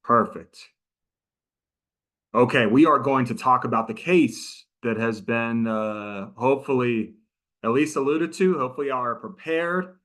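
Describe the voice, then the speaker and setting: Over a video call, a middle-aged prosecutor who also works as a trainer gives a casual, chatty training presentation and engages with his audience. His mid-range voice is a bit bright and a little slow.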